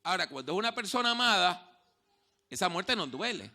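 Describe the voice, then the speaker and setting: In a church, a male pastor with a high voice and big pitch swings preaches a sermon full of stories. He drops from hushed tones into loud outbursts and slowly repeats key phrases for emphasis.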